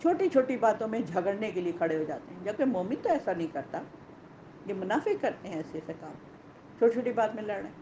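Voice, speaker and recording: A woman teaching a Quran lesson to women, animated, asking rhetorical questions and repeating key points. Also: medium pitch, lo-fi sound, background noise.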